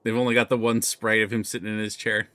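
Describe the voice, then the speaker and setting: Bright-voiced man streaming a game. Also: fast, clear, resonant tone, dry recording. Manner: lively reading with swings in pitch and pace. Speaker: streamer reading game dialogue. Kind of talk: casual game playthrough, reading text aloud.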